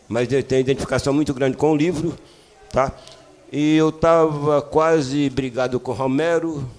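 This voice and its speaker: A man's voice: mid-range voice, darkish tone. An older man from Piauí, Brazil, a cordel poet talking at a literary panel in a rambling, hesitant, joking way. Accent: Piauí Brazilian Portuguese. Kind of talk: casual panel talk.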